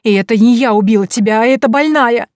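A woman voicing a terrified young woman who screeches and shouts in panic. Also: medium pitch, fairly quick, dry recording, studio quality, close to an everyday voice. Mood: panicked, hysterical.

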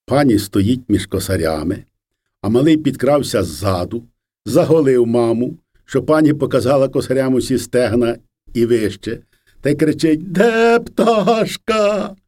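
Mellow male storyteller, lively intonation. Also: medium pitch. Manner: unhurried, lively folk storytelling. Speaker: reader. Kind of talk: storybook narration of a first-person memoir.

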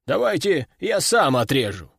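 A man's voice: fairly high pitch, very animated, measured pace, gravelly, husky, no echo, clean studio sound, heavily acted. A man voicing an arrogant, touchy young male aristocrat who speaks haughtily. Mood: haughty. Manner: haughty, indignant.

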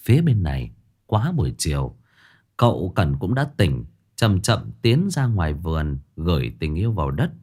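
A man narrates a story. His delivery is expressive and playful, with a pitch that rises and falls freely. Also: moderate pace, breathy edge.

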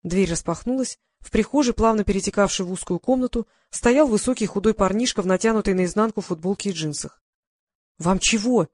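A woman narrating a first-person detective audiobook in a brisk, ironic storytelling manner. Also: medium pitch, a little mellow, no room sound, studio quality.

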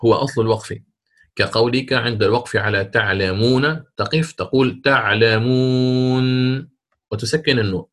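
A man teaching a lesson on Quran recitation rules, explaining step by step and stretching out example words slowly. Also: lowish voice, a bit bright, slightly rough. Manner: slow, drawn-out example words, repeats for emphasis.

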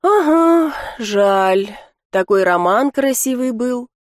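A woman's voice: fairly high pitch, lively intonation, takes it slowly, dry recording, studio quality. Woman voicing a giggly young gossip. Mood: gossipy. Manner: chatty, giggly.

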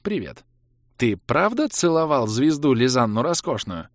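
A male narrator puts on a raised, ringing voice for a bold, bossy young woman in an audiobook. She talks briskly and pushily and swings between high and low. The recording is dry and close. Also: very animated, no echo. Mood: bold teasing. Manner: brisk and pushy. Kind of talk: audiobook character voice.

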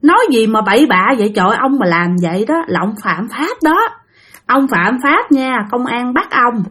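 A woman's voice: fairly high pitch, lively intonation, moderate pace, fairly bright tone, husky. Anxious villagers, chiding and pleading; voiced by a woman narrator. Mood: pleading scolding. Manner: pleading, scolding. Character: worried villagers scolding a drunk man.

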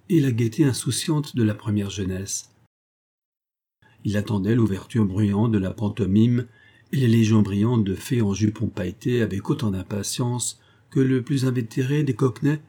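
A man reading a classic novel aloud as narrator, in a steady, measured way. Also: fairly low pitch, slightly rough. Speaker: audiobook narrator.

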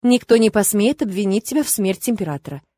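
A self-assured young emperor teases his bride in a lively, wry voice, as a woman reads him. His lines sit at an ordinary pitch for the reader. The recording is dry and close. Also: fast talker, no room sound, lightly acted. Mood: assured, teasing. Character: confident teasing male emperor, young adult.

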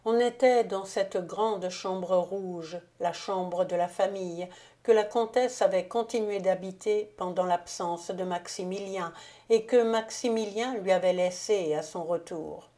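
A woman narrating a classic novel as an audiobook reader, measured and literary. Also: mid-range voice, dark tone. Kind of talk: scripted narration.

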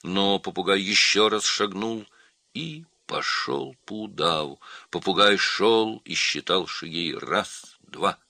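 A man reads a children's storybook aloud in a slow, measured way. His low voice is gravelly yet bright, swinging widely in pitch. The recording is dry and close. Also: no room sound. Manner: measured, expressive reading. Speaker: audiobook narrator. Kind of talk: storybook narration.

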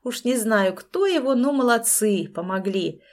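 A gloating male crook, voiced by a woman reading an audiobook sneers through his threats with easy, mocking confidence. His lines land louder and a touch higher than the plain narration around them. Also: lively intonation, measured pace. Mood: gloating menace. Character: smug, menacing middle-aged male crook.

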